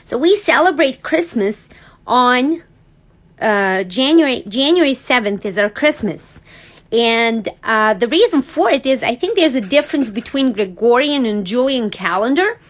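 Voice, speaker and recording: A woman's voice: on the high side, lively intonation, a little slow, rough recording. A woman from Serbia, hosting a casual card-making livestream from her craft desk, chatting and thinking aloud as she works and laughing easily. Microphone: overhead camera on desk.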